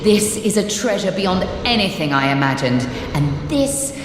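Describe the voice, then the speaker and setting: An actress voices a driven, intense female scholar searching for her lost family in a fantasy video game, delivering dramatic dialogue in an urgent, pleading mood. Her voice is on the low side with lively intonation and an unhurried pace. There's echoey hall reverb, music behind her, and background noise.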